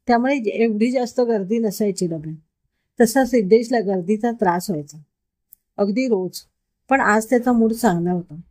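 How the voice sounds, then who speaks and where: A woman's voice: mid-range voice, mellow. A woman telling a story aloud and slipping into light character voices for the dialogue. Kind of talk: reading a Marathi story aloud, voicing the characters.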